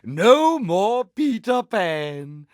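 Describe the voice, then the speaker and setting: Vain, theatrical pirate captain, Captain Hook. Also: male voice, high-pitched, very animated, very slow, no room sound, clean studio sound, exaggerated voice. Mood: indignant. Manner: pompous, theatrical, mock-genteel with pirate slang. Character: vain, pompous, villainous male pirate captain. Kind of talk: theatrical video game character lines.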